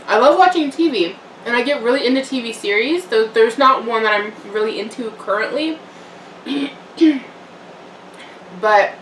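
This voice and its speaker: She's a young vlogger eating on camera at home, chatting loosely with fillers and little laughs. The voice is a little high and fairly bright. Her room echoes, the mic is somewhat far off, and there's slight background noise.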